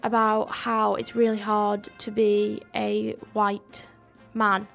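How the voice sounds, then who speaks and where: A woman's voice: mid-range voice, completely flat delivery, takes it slowly, creaky, soft background music. A young woman co-hosting a homemade radio show, speaking earnestly in long run-on sentences. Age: young adult. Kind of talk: casual discussion.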